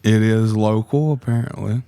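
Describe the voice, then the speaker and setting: A man with a lowish voice telling a story in a relaxed way on a studio podcast. The sound is dry and close, with no room ring. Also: moderate pace, vocal fry, clean tone, no room sound. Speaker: podcast regular. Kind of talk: casual podcast chat.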